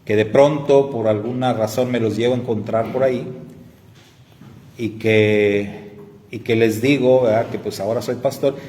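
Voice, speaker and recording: A Mexican man leads a church class as its pastor, telling folksy stories and tossing in frequent tag questions to his listeners. His voice sits at an ordinary middle pitch. The sound trails off in a long hall reverb over a faint layer of background noise. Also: steady tone, normal speed, warm tone. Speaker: pastor and teacher.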